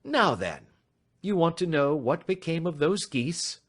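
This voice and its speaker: A man voicing a sharp, self-assured gentleman detective in an audiobook, speaking in a crisp, measured, gently ironic way. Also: fairly high pitch, big pitch swings, voice pushed up. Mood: confident. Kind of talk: audiobook reading.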